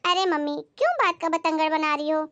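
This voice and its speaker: A young daughter, played by a woman, who reasons with her mother and stays mildly exasperated. Her voice is very high and the recording is close and dry. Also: lively intonation, brisk, fairly bright tone, no room sound, dull audio. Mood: pleading. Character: young daughter defending her sister-in-law.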